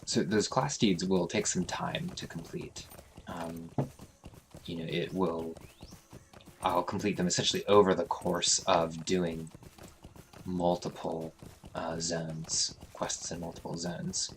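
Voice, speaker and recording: A man's voice: deep voice, steady tone, takes it slowly, creaky, a little hiss or hum. A man hosting a let's play, casually commentating his game and thinking aloud with frequent fillers.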